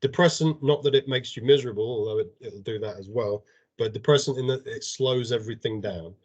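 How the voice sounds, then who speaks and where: A man's voice: medium pitch, a little fast, darkish tone, breathy edge, lo-fi sound. A man giving an informal drug and alcohol awareness training over a video call, explaining plainly and often restarting his words. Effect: heard over a video call. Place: home or office on an online meeting. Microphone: computer or headset mic on a video call.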